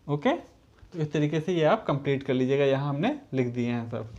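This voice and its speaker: A man's voice: fairly high pitch, expressive, moderate pace, a little mellow. A man teaching a school lesson to children, patiently reading English sentences out word by word and repeating them. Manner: addresses the pupils as children. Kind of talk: recorded classroom lesson. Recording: dull lo-fi recording.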